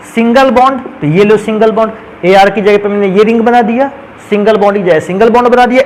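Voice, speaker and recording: A man's voice: high voice, a little hiss or hum, poor audio. A man teaching a chemistry lesson who keeps asking his students questions and answering them himself, speaking. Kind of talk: classroom lecture.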